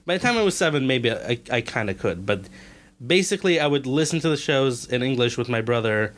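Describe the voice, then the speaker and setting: A young man who grew up in Israel, chatting loosely on a podcast. He rambles, restarts his sentences and laughs a lot, with some casual swearing. His pitch sits right in the middle for a man. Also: animated, fairly quick, a bit bright.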